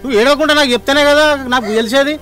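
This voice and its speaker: A man playing a worried village father protective of his daughter, speaking with a Telangana Telugu accent in a loud, agitated, pleading manner. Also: extremely high pitch, steady tone, rapid-fire. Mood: anxious. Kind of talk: village family drama acting.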